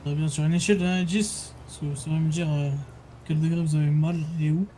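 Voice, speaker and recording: A man's voice: fairly high pitch, fairly even intonation, fast, dark tone, slight background noise, close to an everyday voice. A man voicing a polite, reassuring sheriff's officer in an online role-play game. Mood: calm, procedural.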